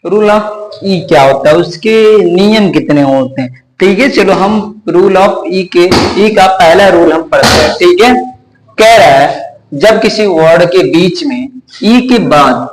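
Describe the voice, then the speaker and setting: A man teaching English pronunciation, spelling words out letter by letter and answering his own rhetorical questions. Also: high voice. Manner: slow, repetitive explaining. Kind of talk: classroom-style lesson. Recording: echoey room.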